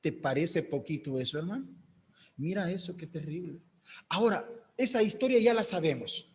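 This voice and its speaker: Male preacher, emphatic sermon delivery, fairly high voice, long hall reverb. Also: lively intonation, moderate pace. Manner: emphatic, acts out quoted voices.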